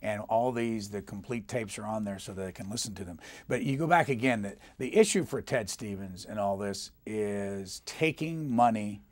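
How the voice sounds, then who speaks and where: A man's voice: lowish voice, normal speed, few pauses, darkish tone. A man hosting a broadcast interview, addressing his guest and the audience. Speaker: interviewer and host.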